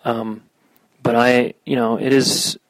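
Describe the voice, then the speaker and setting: A man giving guided meditation instruction as a teacher, speaking in short, unhurried phrases with an earnest spiritual-healer manner. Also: medium pitch, level tone, creaky, dry recording, poor audio.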